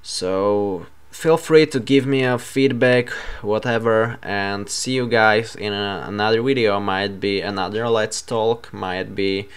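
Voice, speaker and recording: Young male vlogger, low-pitched, halting, self-correcting. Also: clean tone. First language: Slovak. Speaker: YouTuber. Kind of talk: casual vlog talk.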